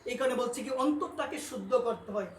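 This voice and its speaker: Man, devotional sermon, quizzes the crowd, emphatic loud peaks, roomy echo, distant mic, faint noise. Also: extremely high pitch, fairly quick. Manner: keeps asking listeners questions and addressing them as mother. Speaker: devotional preacher. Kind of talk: devotional sermon with call-and-response.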